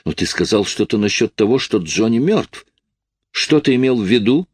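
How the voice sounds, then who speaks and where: A man's voice: on the low side, lively intonation, moderate pace, darkish tone, breathy edge, dry recording, pitched above the performer's own voice. A man reading an audiobook, voicing a frightened, pleading young woman. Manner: pleading, tearful.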